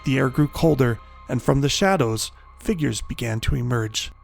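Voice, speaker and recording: A man reading a scripted horror story in a measured, dramatic storytelling style. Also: medium pitch, creaky, faint music behind.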